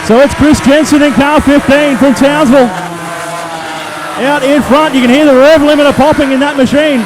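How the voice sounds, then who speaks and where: An Australian man calling a race as a motorsport commentator, excited, colloquial and punchy. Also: extremely high pitch, normal speed, noisy background. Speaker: speedway race commentator and trackside interviewer. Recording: loud race car engines behind the voice. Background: race cars, engines and tyre squeal.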